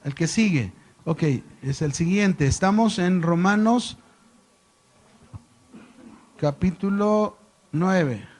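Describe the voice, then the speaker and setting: A man leads a church Bible lesson in a fairly high voice. He talks in a chatty, animated way and tells stories to make his points. He keeps checking on his class with quick rhetorical questions. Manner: animated storyteller, jokes with listeners. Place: church classroom with a live audience.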